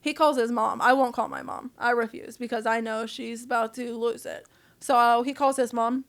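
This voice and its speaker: A woman sits in as a podcast guest and tells her story in a loose, blunt, profane way. Her voice sits a bit higher than most women's. She talks casually, as if to a friend across the table. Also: moderate pace. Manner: candid, profane, animated storyteller.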